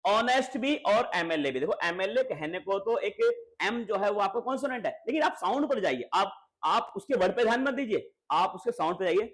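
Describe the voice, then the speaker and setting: A man's voice: high voice, fairly quick. A man teaching a grammar lesson to schoolchildren, asking and repeating questions. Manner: lively, repeats questions to students, coaxing.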